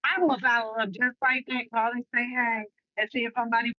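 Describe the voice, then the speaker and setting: A woman in a live audio chat, talking in a friendly way and giving out shout-outs. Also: fairly high pitch, steady tone, fast, no echo. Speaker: chat participant. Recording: muffled dry lo-fi online mic.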